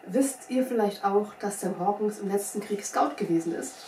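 A woman's voice: mid-range voice, normal speed, warm tone, lightly acted. A sly little old scout of the frontier, folksy and wry, sure of himself, as a woman puts him on. He is heard from some way off in a roomy space. A faint hiss sits under the voice. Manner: folksy, drawling, wry, self-assured. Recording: roomy sound from a distant mic, faint hiss.

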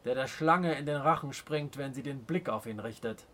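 A man's voice: medium pitch, a bit bright, lightly acted. A man reading a proud, scornful chief. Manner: scornful, commanding, slow and weighty. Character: proud stern adult male Native chief. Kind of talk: audiobook character reading.

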